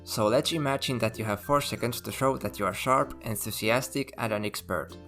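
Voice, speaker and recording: A man who hosts the channel, giving a scripted narration and walking through numbered points at a steady explanatory pace. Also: medium pitch, a little fast. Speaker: channel host. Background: faint background music.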